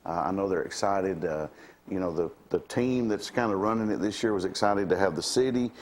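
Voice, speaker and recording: Low-voiced man hosting chat. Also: brisk, a little hiss or hum. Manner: rambling, with many fillers. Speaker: morning show host. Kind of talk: casual chat.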